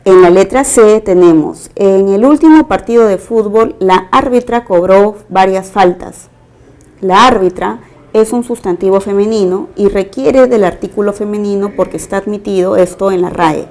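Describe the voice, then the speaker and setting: A woman's voice: medium pitch, darkish tone. Methodical woman teaching grammar. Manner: methodical, explains step by step. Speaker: language teacher. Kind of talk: recorded exam-prep lesson.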